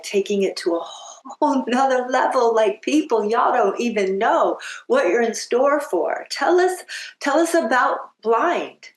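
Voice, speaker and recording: Woman host chatting earnestly w/ her guest, mid pitch, roomy echo. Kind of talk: casual interview chat. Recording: echoey room.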